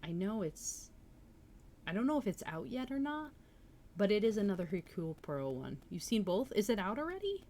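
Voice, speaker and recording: With a mid-range, darkish voice, she talks briskly and very animatedly over a slight hiss or hum. As host of a book-reading livestream, she keeps things casual and eager, answering viewers' comments along the way.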